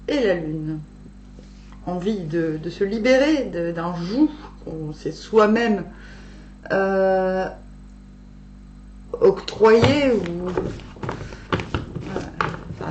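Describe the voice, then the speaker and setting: A woman speaking with a dental retainer in, giving an informal tarot reading, thinking aloud haltingly and correcting herself. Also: mid-range voice, a little mellow. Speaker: tarot reader. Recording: echoey room, dull sound, faint hum.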